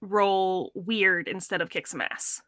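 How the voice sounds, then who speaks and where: Brief: female player, bright tone, mid pitch, methodical planner. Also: slow pace, no room sound, clean studio sound. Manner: thinks aloud, lays out plans step by step. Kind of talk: tabletop role-play chat.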